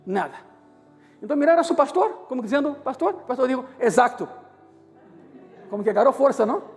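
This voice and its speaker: Pastor, animated storyteller in a sermon, echoing church hall with soft music. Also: male voice, extremely high pitch, fast talker. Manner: animated, acts out dialogue in the story. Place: church service.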